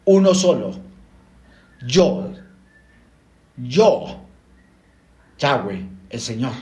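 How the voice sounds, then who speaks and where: A man teaching the Bible slowly and deliberately, explaining word by word. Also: fairly high pitch, echoey room.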